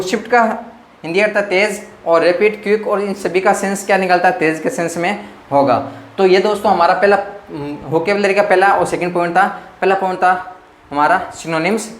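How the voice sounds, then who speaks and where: A man teaching an exam-prep grammar lesson, repeatedly asking and answering his own questions and calling his viewers friends. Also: high voice. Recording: echoey room with faint noise.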